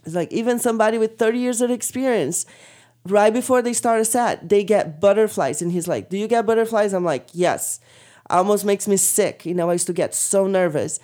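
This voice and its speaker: A woman's voice: moderate pace, warm tone. A woman who used to model, chatting casually and telling a story, acting out the people she quotes. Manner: chatty storyteller, acts out quoted lines in a squeaky voice. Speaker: former model. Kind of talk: casual conversation.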